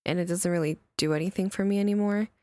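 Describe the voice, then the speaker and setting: A woman's voice: medium pitch, fairly even intonation, fast talker, darkish tone, no echo. A young woman from El Salvador chatting casually on a podcast, hesitant and full of filler words. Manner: hesitant, lots of likes and I don't knows. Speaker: podcast co-host.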